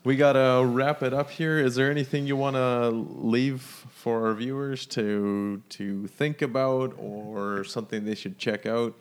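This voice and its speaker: A man hosts a casual podcast interview in a relaxed way. He keeps things moving with short upbeat interjections and wraps up the talk. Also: medium pitch, unhurried, few pauses. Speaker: podcast host.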